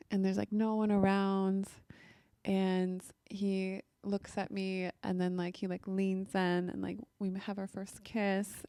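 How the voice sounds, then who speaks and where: Young woman, casual vlog storytelling, chatty with lots of fillers, gravelly fry, mellow tone, dry close sound. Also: mid-range voice, no room sound. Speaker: vlogger.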